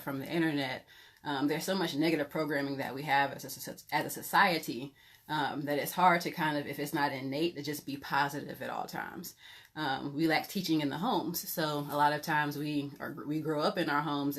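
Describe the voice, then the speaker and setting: A young woman leads a Bible teaching in a loose, conversational manner, often pausing on fillers as she shares frank stories from her own life. Her voice sits notably low for a woman. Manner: conversational, filler-heavy, candid and self-revealing. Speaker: pastor teaching a Bible lesson. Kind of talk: informal teaching talk.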